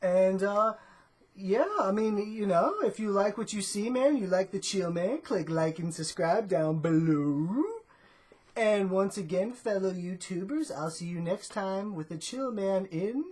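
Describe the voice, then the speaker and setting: Breathy, drawling laid-back woman. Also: medium pitch, a little slow, darkish tone. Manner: drawling stoner-dude talk, ends phrases with "man"; rambling, full of "you know" and "uh". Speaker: vlogger. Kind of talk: laid-back comedic vlog monologue.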